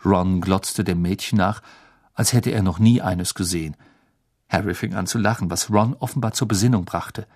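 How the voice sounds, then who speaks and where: A man reading a children's novel aloud with expressive storytelling. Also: deep voice, moderate pace. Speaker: audiobook narrator. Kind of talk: scripted narration.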